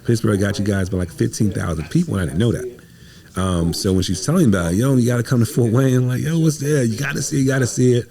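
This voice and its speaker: A podcast guest with a mid-range, mellow voice talks quickly, telling animated stories in a casual interview. The American stage playwright, from the Midwest, uses slang, speaks emphatically and acts out the conversations he recounts.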